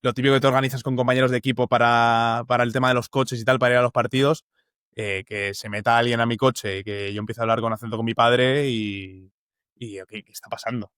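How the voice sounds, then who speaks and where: Interview guest: young Uruguayan-born man with a Spanish accent, mid pitch, thoughtful, hesitant, dry sound. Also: fairly even intonation, quick pace, fairly bright tone, clean tone, dry recording. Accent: Spanish, Valencia area. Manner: thoughtful, many fillers and restarts. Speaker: journalist guest. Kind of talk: casual interview conversation.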